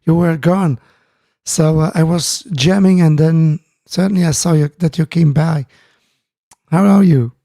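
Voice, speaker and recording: A Dutch-speaking man hosts a casual live stream from his home music studio, his gravelly, mellow voice sitting on the high side. He talks haltingly, with lots of fillers and restarts, and greets viewers in the chat. There is no room sound.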